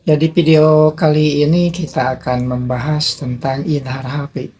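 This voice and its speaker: A man teaching a beginners' lesson on Quran recitation rules, explaining patiently and drawing out sample phrases slowly. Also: a little high, fairly even intonation, a little mellow, a little hiss or hum. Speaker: tajwid teacher. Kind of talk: recorded tajwid lesson for beginners.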